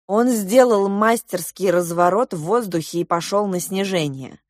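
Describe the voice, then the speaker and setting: A woman narrating a children's audiobook with lively storytelling. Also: mid-range voice, moderate pace, dry recording, clean studio sound.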